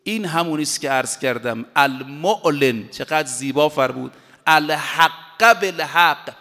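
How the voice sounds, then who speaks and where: A man preaching a sermon in an emphatic manner, slowing down to recite Arabic quotations with deliberate weight. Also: medium pitch, fairly bright tone. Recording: long hall reverb.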